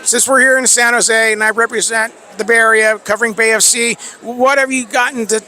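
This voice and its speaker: Bright high-voiced male sports reporter. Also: fairly even intonation, slight background noise. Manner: halting, chatty, laughs often. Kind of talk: press interview questions. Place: outdoors at a media day.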